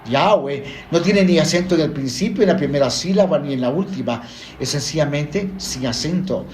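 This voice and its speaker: A man teaching the Bible slowly and deliberately, explaining word by word. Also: on the high side, lively intonation, a little mellow, echoey room, a little hiss or hum.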